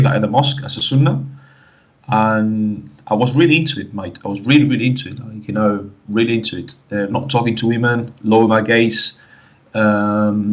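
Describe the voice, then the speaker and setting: A guest caller from the Canary Islands, Spain, speaks English with a Spanish-influenced accent as he casually shares his personal story. He halts, repeats himself and leans heavily on fillers like "like, you know." His voice sits low, and the audio sounds dull.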